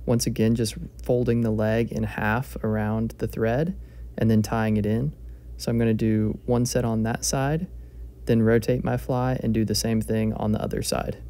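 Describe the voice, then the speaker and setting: A fly-tying instructor explains each step of his craft from his home bench, relaxed and plain in manner. He speaks at an ordinary speed in a lowish, dark, mellow voice that barely rises or falls, keeping the tutorial calm and methodical.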